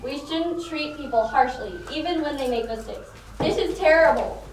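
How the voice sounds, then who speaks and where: Sidekick female actor: earnest, explanatory, high-pitched comedy acting in a very echoey room. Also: moderate pace, natural voice. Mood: dismayed. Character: earnest, sensible detective's sidekick, quick to worry. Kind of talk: theatrical comedy drama acting. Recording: very echoey room, distant mic, faint noise.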